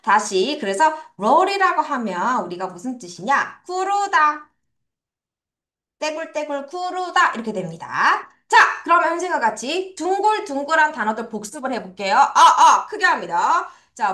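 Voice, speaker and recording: A woman's voice: sits high, sing-song, normal speed, pushed and bright. A woman teaching English vocabulary to children, drilling pronunciation with playful sound words. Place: academy classroom or studio. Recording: echoey room.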